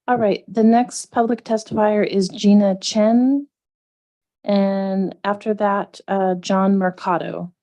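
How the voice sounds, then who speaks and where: Woman hearing clerk, polite and procedural, warm mellow voice. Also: medium pitch, level tone, slow. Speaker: commission clerk. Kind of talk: procedural meeting announcements. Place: public hearing room.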